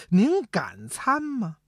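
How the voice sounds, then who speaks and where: A woman voicing a sly, scheming male minister who talks soft and wheedling, in a storytelling piece. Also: mid-range voice, dry recording, clean studio sound.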